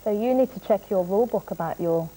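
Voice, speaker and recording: A woman's voice: mid-range voice, quick pace, mellow, low-quality recording. A woman presenting the news in a conversational, teasing way, mixing links with casual chat.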